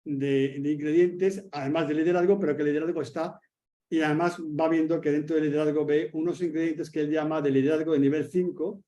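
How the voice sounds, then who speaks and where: A man's voice: fairly high pitch, fairly even intonation, a little fast, warm tone. A man, a professor who moderates a webinar, summarizes a book and then hands the floor to his guest, hesitating often with fillers and restarts. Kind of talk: webinar conversation.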